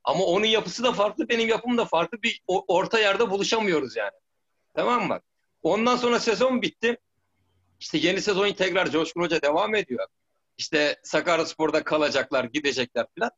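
A man's voice: high voice, lively intonation, brisk, fairly bright tone, highs cut off. A middle-aged man, a former footballer, telling stories in a rambling way, with many restarts and "tamam mı?" checks. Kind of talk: casual storytelling interview.

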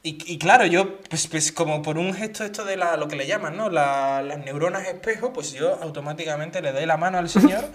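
A podcast co-host from Spain tells a story in casual chat, animatedly acting out the voices of the people in it. His voice is fairly high and a little fast, with hardly any pauses.

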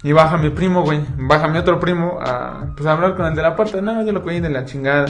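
A man's voice: on the high side, fast talker, over music. A young adult man with a Mexican accent telling a long, profane, slang-filled story in casual chat. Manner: slangy, profane, says "güey" constantly.

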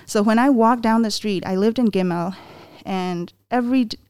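A woman from Myanmar in her twenties, a panel guest telling a personal story in an earnest, halting way with many restarts. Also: mid-range voice, darkish tone, smooth.

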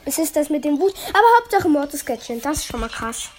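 A woman playing a video game with a friend, chatting casually and bursting into excited shouts. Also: high voice, fast, noisy background. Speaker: gamer. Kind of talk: excited gaming commentary. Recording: game music behind.

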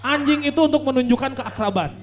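High-voiced Sundanese man joking on stage. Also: fast, crowd noise. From West Java, Sunda. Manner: joking, lecturing tone with punchlines. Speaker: comedic performer. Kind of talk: comic stand-up talk.

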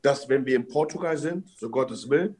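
A man's voice: mid-range voice, normal speed, darkish tone, husky. A young man, bantering casually with friends in crude, slangy street talk.

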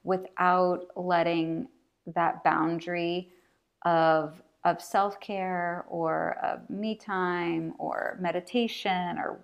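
A middle-aged woman hosts a casual podcast on her own, recorded in a bathroom. Her voice sits a little low and she takes her time, speaking very slowly. She comes across as reassuring and encouraging. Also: level tone, creaky, lo-fi sound. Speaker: podcast host. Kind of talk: casual solo podcast monologue.

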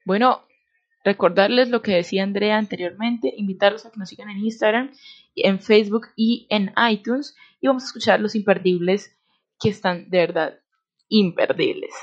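A woman's voice: medium pitch, moderate pace. Woman film host, slightly muffled. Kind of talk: informal film show presenting. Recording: dull, lo-fi audio.

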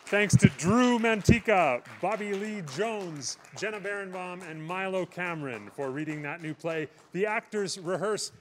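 Male host, high-pitched voice, presenting a live arts broadcast. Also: measured pace, hardly any pauses, slight background noise.

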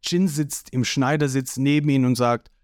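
A man narrating an audio manga reading with slow, deliberate storytelling. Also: mid-range voice, steady tone, a little mellow, dry recording, studio quality.

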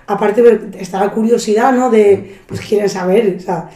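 Chatting casually at a moderate pace, a podcast guest relates stories from her travels, voicing the people she quotes and swearing freely. Her mid-range voice is mellow and warm, and the echoey room gives it a roomy sound.

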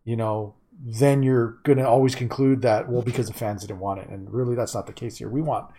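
Mellow-voiced man, emphatic and opinionated. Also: medium pitch, steady tone, a little fast, slightly rough. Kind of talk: casual chat about video games.

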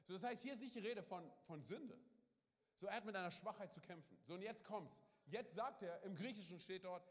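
A male pastor preaching a lively sermon at a church service, peppering his talk with quick asides to the congregation. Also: high voice. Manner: lively, punctuates with "hey", "come on" and "oder?"; acts out little quoted scenes. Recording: reverberant church hall.

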